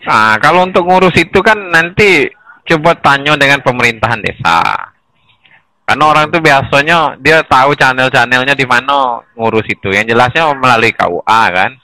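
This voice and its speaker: Bright-voiced man explaining things animatedly. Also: medium pitch, moderate pace, dry recording, rough recording. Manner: animated, chuckles between points, restarts mid-sentence. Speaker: guest explaining village data administration. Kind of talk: casual explanatory conversation.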